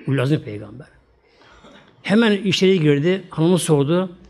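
Guy preacher, kinda high voice, telling a holy story, trails off soft after each bit, does the characters' lines himself. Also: lively intonation, normal speed. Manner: addresses listeners as "muhteremler", tags phrases with trailing "böyle"; acts out characters' quoted lines in his own voice. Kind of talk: religious storytelling talk.

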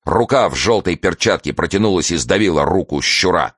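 A man's voice: low voice, brisk, breathy edge, dry recording, studio quality. A man narrating an audiobook expressively, shifting into voices for the characters. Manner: expressive storytelling with acted voices.

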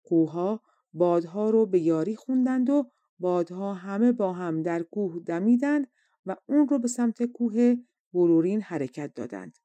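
Warm-voiced woman reading a folk tale. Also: mid-range voice, dry recording, lo-fi sound. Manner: steady, measured storytelling. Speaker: audiobook reader. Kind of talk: storybook narration.

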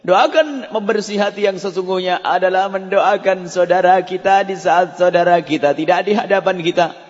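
High-voiced preacher in an echoing hall. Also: male voice, normal speed. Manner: animated, acts out mock prayers and quoted voices; conversational, addresses the audience directly. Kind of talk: sermon. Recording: dull lo-fi recording with long hall reverb.

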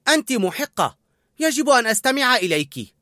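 A man's voice: very high-pitched, sing-song, a little fast, pushed and bright, no room sound, clean studio sound, voice pushed up, exaggerated voice. A man voicing a flustered, clumsy young male cook who talks nervously. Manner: nervous, apologetic.

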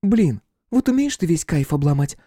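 A man's voice: on the high side, sing-song, normal speed, dark tone, dry recording, clean studio sound, voice pushed up. A man reading an audiobook, voicing a cheeky, pushy young woman with a wheedling sing-song manner. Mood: sulky.

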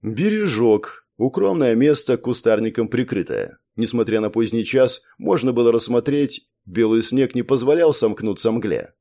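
Mellow-voiced man narrating an audiobook. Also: mid-range voice, animated, normal speed, few pauses. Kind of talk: scripted narration.

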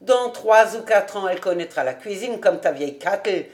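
A woman's voice: mid-range voice, lively intonation, moderate pace, a little mellow, lightly acted. A woman voicing a kindly old male rabbi who talks earnestly and pleads fondly, in an audiobook reading.

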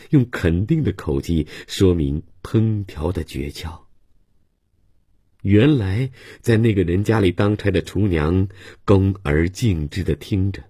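Low husky guy reading a novel, calm and steady, super dry close mic. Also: dry recording. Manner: calm, measured storytelling. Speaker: audiobook narrator. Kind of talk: literary novel narration.

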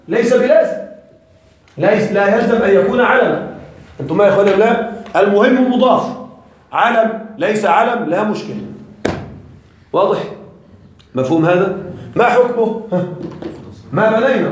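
High-voiced Arabic grammar teacher, echoey room. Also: male voice, slight background noise. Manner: lively, quizzes students with rhetorical questions. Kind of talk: classroom lesson.

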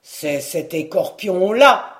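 A reader voicing a bold, boastful peasant lad in an audiobook, speaking in rough country dialect with loud exclamations. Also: mid-range voice, expressive, slow. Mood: loud rustic. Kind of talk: audiobook reading.

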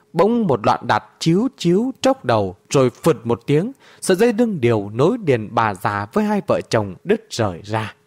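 A man's voice: medium pitch, dry recording. A man reading a martial-arts story aloud with dramatic narration.

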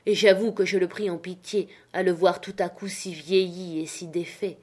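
Woman, audiobook narrator, lowish voice, steady measured reading, classic adventure novel. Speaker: audiobook reader. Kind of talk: scripted narration.

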